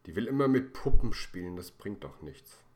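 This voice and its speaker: A man's voice: lowish voice, expressive, normal speed, a little mellow, a little hiss or hum, lightly acted. A man voicing a bored, whiny young boy in a read-aloud storybook, pleading and complaining.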